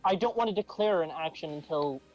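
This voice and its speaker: Halting tabletop player, dull lo-fi sound. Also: mid-range voice. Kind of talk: casual game chat. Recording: dull lo-fi sound, background music.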